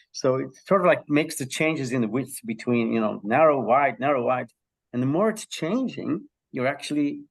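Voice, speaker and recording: Gravelly-voiced male professor. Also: mid-range voice. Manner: lively storyteller with frequent ums and throat-clearing. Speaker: guest, professor of health psychology. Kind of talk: explaining research in an interview.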